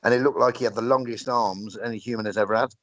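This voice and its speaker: A man's voice: medium pitch, steady tone, fast talker, fairly bright tone, no echo, lo-fi sound. Casting: man, podcast co-host, sarcastic, swears a lot, recorded close and dry. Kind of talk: casual chat reviewing wrestling.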